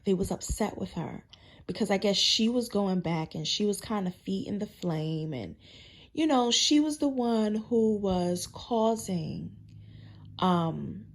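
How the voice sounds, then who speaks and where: A middle-aged woman recounting a dream in a rambling, conversational way, acting out what people said. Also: mid-range voice. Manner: rambling, conversational, acts out quoted lines. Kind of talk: personal storytelling, recounting a dream.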